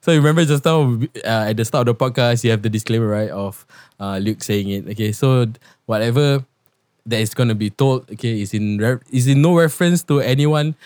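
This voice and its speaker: A young Singaporean man hosting a podcast, chatting and telling personal stories in an animated, slangy way. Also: medium pitch, fairly quick, no echo, clean studio sound. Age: young adult. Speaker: podcast host. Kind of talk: casual chat and personal storytelling. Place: podcast studio.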